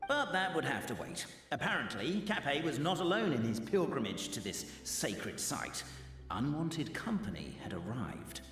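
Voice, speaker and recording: A man's voice: medium pitch, sing-song, moderate pace, fairly bright tone, reverberant, big-room sound, faint music behind, pitched above the performer's own voice. A man narrating a game scene in a wry storybook style.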